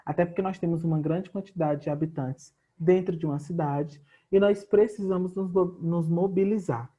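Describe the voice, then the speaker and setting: A man with a high-pitched, warm voice and fairly even intonation speaks at a moderate pace, with the high frequencies cut off in the audio. He has a Brazilian Portuguese accent and a sore throat, coughing often while calmly teaching a home-recorded geography class and talking straight to his students.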